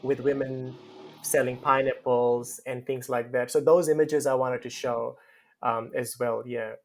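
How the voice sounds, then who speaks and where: A man's voice: mid-range voice, flat delivery, measured pace, vocal fry. A man from Fiji with a Fiji Indian accent, speaking as a guest author in a conversational interview, telling personal stories.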